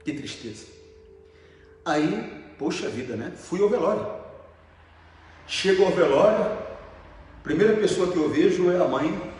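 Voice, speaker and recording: A man's voice: sits high, lively intonation, a little slow, long pauses, a little mellow. A middle-aged Brazilian man preaching a sermon as pastor, talking in an emphatic, conversational way and putting questions to the congregation. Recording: very echoey hall, faint noise.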